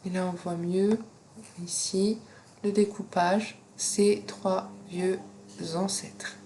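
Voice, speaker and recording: A woman with a non-native French accent giving a screen-recorded software tutorial, explaining steps slowly with frequent fillers. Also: mid-range voice, level tone, a little hiss or hum. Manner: slow, step-by-step instructions with frequent fillers. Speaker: teacher.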